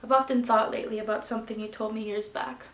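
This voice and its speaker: A woman's voice: fairly high pitch, steady tone, quick pace, close to an everyday voice. A woman playing a resigned wife leaving her husband. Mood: searching. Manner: restrained, dropping to hushed tones, then rising. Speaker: actor. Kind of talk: theatrical stage monologue. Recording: echoey room.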